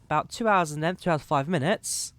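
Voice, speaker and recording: A young man with a slightly worn voice talks fairly quickly at a fairly high pitch, a bit bright and with no echo. He's casually guiding viewers through setting up a flight sim cockpit, reading out codes and numbers as live commentary.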